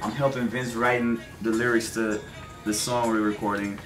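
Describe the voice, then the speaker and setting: A man's voice: fairly low pitch, little pitch movement, normal speed. A man chatting casually in short, informal remarks. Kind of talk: casual chat. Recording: echoey room with music playing.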